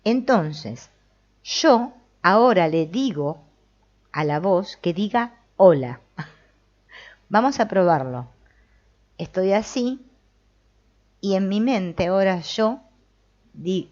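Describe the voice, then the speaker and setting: A woman's voice: mid-range voice, lively intonation, slow pace, long pauses, a little mellow, dull audio. A woman giving a reflective spiritual talk, commenting on a text she reads and asking the listener questions. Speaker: spiritual teacher.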